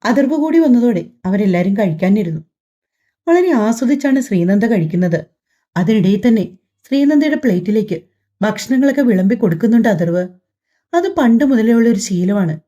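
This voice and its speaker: Gentle woman narrating a family story. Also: medium pitch. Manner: soft, gentle storytelling, voicing all the characters herself. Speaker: audiobook narrator.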